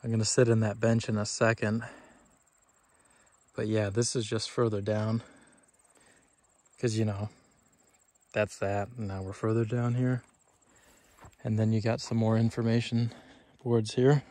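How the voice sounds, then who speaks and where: A man's voice: on the low side, little pitch movement. A man in casual, rambling narration as an ASMR host walking a forest trail outdoors. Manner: soft, rambling and unhurried.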